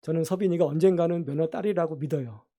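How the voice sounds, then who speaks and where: A man's voice: on the high side, fast talker, dark tone. A man preaching a sermon as pastor in a church, earnestly asking the congregation questions. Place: church sanctuary.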